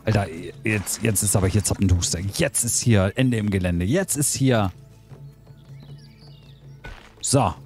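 A man's voice: fairly low pitch, normal speed, darkish tone, soft background music. A man giving casual gameplay commentary, talking to himself in a puzzled, joking way. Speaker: let's play commentator.

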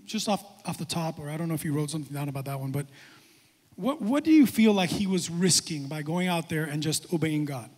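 A male pastor with a high-pitched voice preaches to young adults in an animated sermon. He moves from quiet, reflective talk to loud, excited exclamations. A long reverb from the hall trails behind each phrase. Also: fairly quick.

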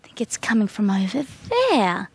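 A woman's voice: medium pitch, moderate pace, vocal fry, very noisy. An Australian woman presenting a children's TV show, talking in a playful, wondering way as she searches for a bird. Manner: animated and wondering, talks to an unseen bird.

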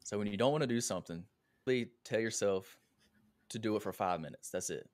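A man's voice: fairly low pitch, fairly quick, a little mellow, no echo, clean studio sound. A man hosting a podcast interview, talking in an earnest, conversational way about his own habits. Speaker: podcast host.

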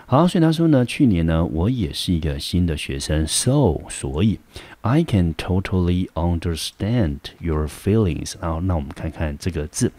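A man with a deep, low voice and a Taiwanese Mandarin accent talks through a textbook lesson. He explains patiently, repeating phrases and reading the English lines slowly. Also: sing-song, dark tone, dry recording. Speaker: high school English teacher. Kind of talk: classroom lecture explaining a textbook.

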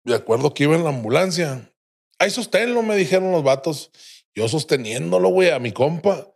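A man's voice: on the high side, animated, fairly quick, vocal fry, darkish tone. A young adult man with a Mexican accent, a podcast guest telling a crude, vivid story full of slang and swearing. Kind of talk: casual storytelling.

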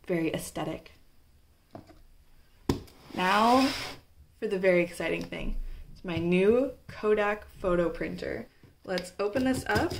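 A woman's voice: mid-range voice, creaky, background noise. A young woman from Canada chatting casually through a stationery haul, with frequent filler words. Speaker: stationery vlogger. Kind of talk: casual show-and-tell.

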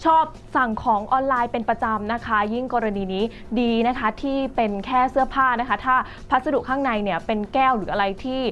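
A woman's voice: fairly high pitch, brisk, few pauses, a bit bright. A woman presenting the news in a conversational reading style, with frequent polite particles. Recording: slightly dull recording with faint music behind.

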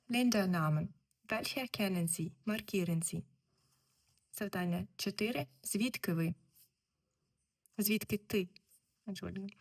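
A woman teaching German, explaining textbook exercises slowly and repeating each word. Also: mid-range voice, darkish tone. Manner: slow, deliberate, repeats words.

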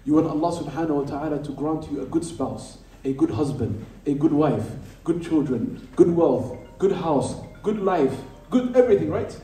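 A man's voice: a little high, expressive, moderate pace, few pauses, warm tone. A man giving an Islamic lecture to a live audience, emphatic, repeating key phrases and asking rhetorical questions. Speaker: Islamic teacher. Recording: roomy hall, speaker far from the mic.

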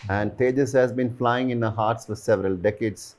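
A man who works as an aerospace and defense journalist hosts a promotional interview from a living room indoors. His mid-range, darkish voice keeps fairly even intonation at a normal speed, and he sounds earnest, often using "you know" as a filler.

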